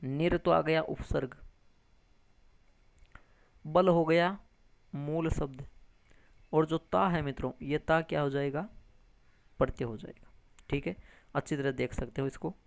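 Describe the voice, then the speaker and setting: A man's voice: on the high side, steady tone, measured pace, creaky, pauses often, dry recording. A male grammar teacher giving an exam-prep lesson, explaining step by step and answering his own questions. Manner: addresses viewers as friends, frequent tag questions.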